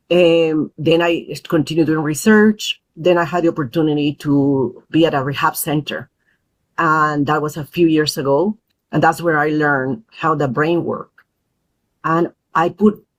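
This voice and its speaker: On a podcast interview, a Peru-raised woman who is a mother and advocates for parents talks earnestly and thoughtfully in a deep voice, with many pauses and fillers.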